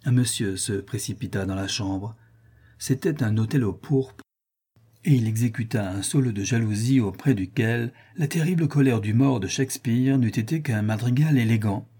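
A man reading a classic story aloud in an even, measured way. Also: medium pitch, slightly rough. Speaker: narrator.

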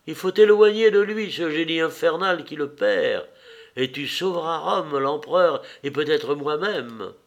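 A man's voice: on the high side, animated, unhurried, muffled recording. A man reading Agrippine, a proud bitter empress mother. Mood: commanding. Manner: stern, commanding reading. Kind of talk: audiobook reading.

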